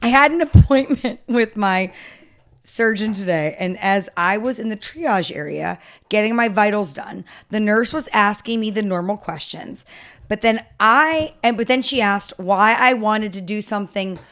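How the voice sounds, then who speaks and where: Woman, podcast co-host; casual, chatty story reader, mid pitch. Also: moderate pace, fairly bright tone. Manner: reads stories aloud, chatty. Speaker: podcast co-host reading stories.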